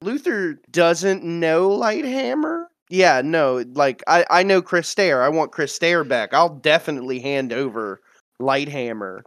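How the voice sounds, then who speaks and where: Excitable, lively-voiced male player. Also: on the high side, measured pace, dry recording, clean studio sound. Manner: blunt, excitable. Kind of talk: tabletop game table talk.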